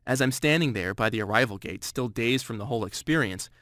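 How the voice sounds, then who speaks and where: A man's voice: medium pitch, expressive, brisk, a bit bright, no echo. Man in his thirties, dry close voice. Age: 30s. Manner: earnest storytelling, dramatic emphasis. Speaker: sales narrator. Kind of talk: scripted first-person sales pitch.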